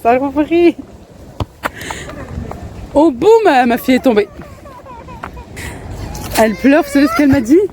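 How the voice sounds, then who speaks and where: A woman in her thirties, out with her kids in a park, chats for her family vlog in a high, sing-song voice with a dark tone, keeping a measured pace and pausing often. She laughs a lot and stops to talk to the children, with a faint crowd and faint street noise behind her.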